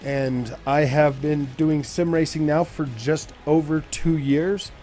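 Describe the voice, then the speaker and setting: A warm, fairly high, steady male voice moves at a slow pace as a forties-aged host plays a racing game on his gaming channel. He chats casually with many fillers, with faint music and engine sounds behind him.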